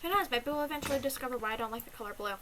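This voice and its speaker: A woman's voice: sits high, animated, very fast, background noise. A young woman streamer chatting casually and giving advice, rambling with lots of ums and little giggles. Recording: clear background music. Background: music.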